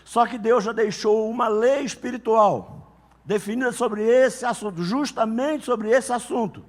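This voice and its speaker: High-voiced pastor in an echoing hall. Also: male voice, measured pace. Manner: animated storytelling, acting out couples' quarrels. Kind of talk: sermon.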